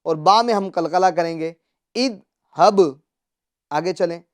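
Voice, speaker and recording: With a mid-range voice, a Quran teacher leads a televised reading lesson. Words are recited in a slow, drawn-out way, followed by brisk explanation in which questions are asked and answered.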